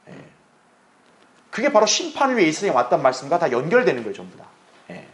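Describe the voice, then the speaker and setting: Lively high-pitched pastor teaching scripture. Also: male voice, fast. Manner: asks rhetorical questions and answers them himself; acts out quoted speech in lively voices. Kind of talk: expository Bible teaching.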